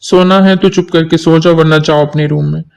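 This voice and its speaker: A man's voice: fairly high pitch, steady tone, normal speed, gravelly, a little mellow, clear, resonant tone. A man voicing a stern middle-aged mother who scolds firmly in a story reading. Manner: firm, scolding tone.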